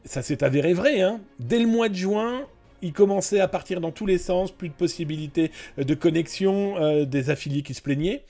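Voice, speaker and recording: A man's voice: sits high, moderate pace, mellow, soft background music. A man hosting a live-stream cybersecurity news show, chatting casually and talking straight to his viewers. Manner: chatty, addresses viewers directly, many fillers and asides.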